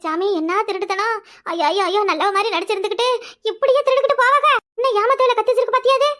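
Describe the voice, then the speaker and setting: A woman voicing a loud, quick-tempered village mother in a cartoon, with a southern Tamil village accent and shrill, fast exclamations. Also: fairly even intonation. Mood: panicked. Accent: southern Tamil Nadu village Tamil. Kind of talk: cartoon voice acting.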